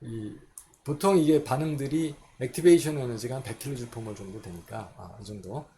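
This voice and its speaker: A man gives a recorded chemistry lecture, working through equations step by step and asking himself questions he then answers. His voice is medium-pitched and warm, and he speaks fairly quickly.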